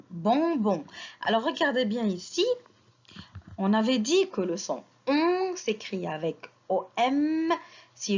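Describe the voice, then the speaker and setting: A woman teaching a children's spelling lesson, sounding out syllables slowly and patiently, asking questions and answering them herself. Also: mid-range voice. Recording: slightly dull lo-fi audio.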